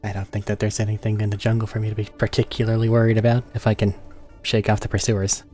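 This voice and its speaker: A man's voice: lowish voice, little pitch movement, fast, dark tone, faint music behind. A man playing a tabletop game and chatting casually, with a dry, joking manner. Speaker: player.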